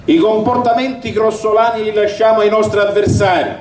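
An older man gives a declamatory, booming campaign speech from a balcony, reading with emphasis. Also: steady tone, a little fast. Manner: declamatory, emphatic delivery to a crowd. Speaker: election candidate. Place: outdoor balcony over a town square at night. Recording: roomy, distant, noisy outdoor rally recording.

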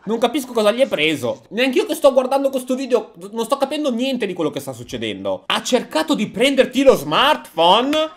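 Male reaction host, high lively voice, sarcastic and jokey. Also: a little fast, hardly any pauses. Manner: sarcastic, jokey, swears freely. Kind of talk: reaction commentary.

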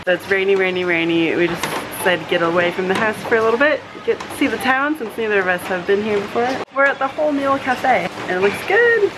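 A woman's voice: medium pitch, lively intonation, fast talker, few pauses, background noise. A woman in her thirties talking to a handheld camera at arm's length in a casual travel vlog, chatty and laughing often. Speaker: vlogger.

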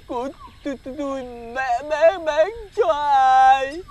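A man's voice: very high voice, fairly even intonation, unhurried, a little mellow. Stuttering male chicken seller, whiny, fretful, simple-minded, fairy-tale TV drama. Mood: stammering, fretful. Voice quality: heavy stutter.

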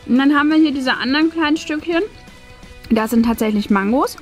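A woman with a high-sitting voice hosts a casual, chatty unboxing and product review, speaking briskly. She's in a small decorated indoor room with faint music in the background.

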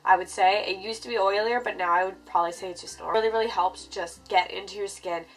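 A woman's voice: medium pitch, steady tone, fast, a little hiss or hum, poor audio. Young woman with a congested, stuffy nose. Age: 20s. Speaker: beauty vlogger. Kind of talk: casual skincare vlog talk to camera. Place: furnished bedroom, indoors.

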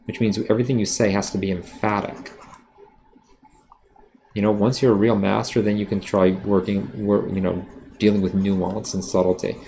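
Man, drawing teacher, live stream demo, dark mellow tone, faint background hiss, rambling and blunt. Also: lowish voice, little pitch movement, normal speed, vocal fry. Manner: casual, blunt, rambling with many fillers; self-aware about sounding defensive. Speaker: art teacher. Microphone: streaming setup while drawing.

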